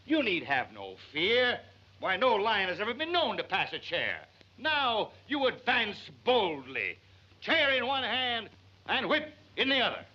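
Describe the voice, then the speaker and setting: An actor playing a blustering, coaxing colonel in 1940s screwball comedy banter, on an old film soundtrack. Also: male voice, high-pitched, wildly swooping pitch, unhurried, exaggerated voice. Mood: coaxing, grandiose. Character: blustering, coaxing colonel, a fast-talking showman. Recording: dull 1940s film soundtrack, faint noise.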